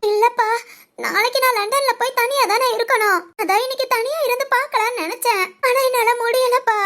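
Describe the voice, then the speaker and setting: A woman playing an anxious, tearful young daughter in an amateur family drama, soft and pleading. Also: very high-pitched, fairly quick. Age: young adult. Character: tearful young adult daughter, anxious about leaving home.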